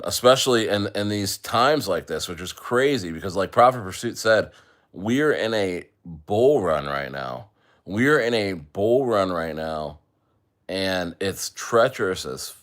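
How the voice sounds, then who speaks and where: Rambling man hosting a livestream. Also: fairly low pitch. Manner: rambling, full of fillers, talks to viewers. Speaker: livestream host. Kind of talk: casual livestream chat.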